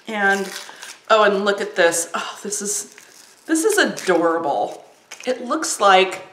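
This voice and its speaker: A woman chatting casually while reviewing and tasting snacks, with lots of ums. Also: medium pitch. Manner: chatty, warm, frequent ums. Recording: roomy echo.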